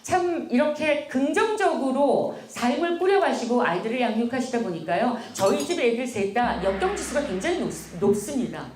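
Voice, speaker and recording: A woman giving an animated, playful motivational lecture to a hall of soldiers. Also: fairly high pitch, normal speed, few pauses, crowd noise. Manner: animated, playful, addresses audience directly.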